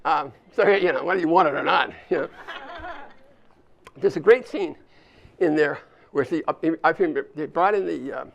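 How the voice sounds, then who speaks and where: Speaking with long pauses and a creaky, slightly high voice at normal speed, an older man leads a live audience through a hands-on exercise in a chatty leadership talk. He is a speaker at an alumni volunteer summit in a university event space. The audio is dull, with slight background noise.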